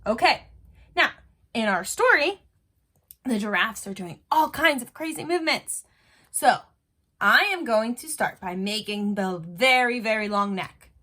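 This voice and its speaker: Speaking as an elementary art teacher would, a woman guides young kids through a drawing one step at a time with simple words of encouragement. She goes slowly, and her bright, expressive voice ranges widely in pitch.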